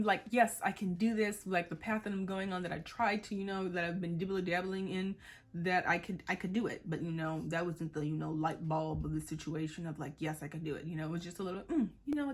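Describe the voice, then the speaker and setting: Young woman vlogger in her twenties, from Boston; rambling casual chat with lots of fillers and acted-out quotes, lower-pitched voice. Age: 20s. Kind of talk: casual chat while getting ready.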